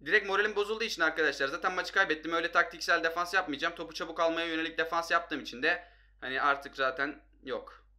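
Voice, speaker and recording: A young man giving excitable, frustrated live commentary on his football video game, talking straight to his viewers. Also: fairly high pitch, quick pace. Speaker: gaming youtuber.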